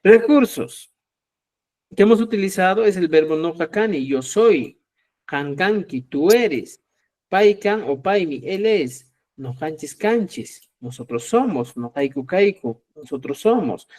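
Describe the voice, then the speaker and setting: A middle-aged man teaching a live Quechua lesson, lively and acting out both sides of short dialogues, often checking with viewers and calling them dear friends. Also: high voice, slow. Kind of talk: live online language lesson.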